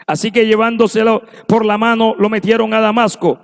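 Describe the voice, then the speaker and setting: Man, preacher, very high voice, fervent sermon, long church echo. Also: little pitch movement, fairly quick, creaky. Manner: impassioned preaching, acting out quoted voices.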